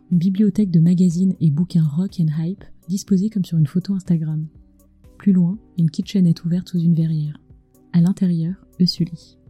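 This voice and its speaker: A woman with a low-leaning, mellow, slightly rough voice narrates a scripted podcast, with no echo. As a culinary storyteller and host, she speaks intimately close to a microphone with an acoustic screen, right in the listener's ear.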